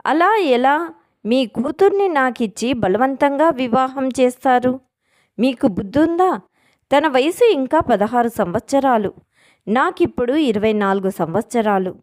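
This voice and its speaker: A woman's voice: high voice, animated, a little slow. A woman voicing an angry young man of twenty-four in a storybook, speaking in a scolding, indignant way.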